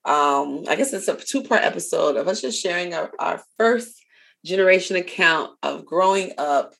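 A young woman co-hosting a relaxed podcast, her lowish voice carrying a gravelly edge. She tells stories with animation and laughter, slipping into voices. She comes from a Haitian family. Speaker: podcast co-host. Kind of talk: casual podcast chat.

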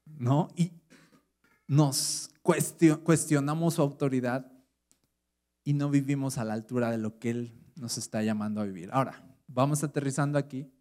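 A man's voice: mid-range voice, normal speed, a little mellow. A middle-aged man with a Mexican Spanish accent, preaching a sermon as pastor in a conversational way, asking the audience rhetorical questions.

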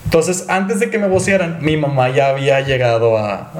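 A man's voice: medium pitch, expressive, moderate pace, roomy sound. A young man telling a rambling childhood story to friends, often embarrassed and laughing at himself. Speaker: podcast co-host. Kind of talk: casual storytelling among friends.

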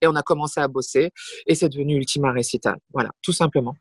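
A woman's voice: deep voice, fast talker, breathy edge, no echo, clean studio sound. A middle-aged woman, a singer and comic performer, telling stories as an interview guest with emphatic repetitions. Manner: lively anecdotal storyteller with emphatic repetitions. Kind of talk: casual interview storytelling.

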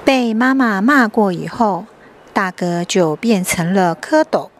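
A woman reading a picture book aloud to young children, expressive and drawn out, as if to a toddler. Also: mid-range voice, measured pace. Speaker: picture-book reader, podcast host.

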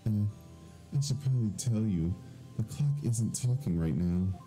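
A man doing a calm older sister. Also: lowish voice, measured pace, soft background music, poor audio. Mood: apologetic. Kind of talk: let's play voice reading.

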